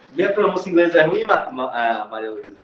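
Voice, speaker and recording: A man teaching physics in an online class, lively and joking, speaking with a Brazilian Portuguese accent and calling students by name. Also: fairly high pitch, echoey room, distant mic, dull audio, a little hiss or hum.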